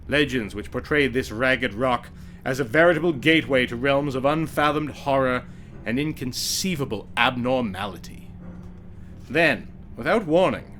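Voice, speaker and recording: A man narrating a horror story as a dramatic reading, with theatrical, deliberate emphasis. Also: mid-range voice, a bit bright, slight background noise. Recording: music behind the voice. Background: music.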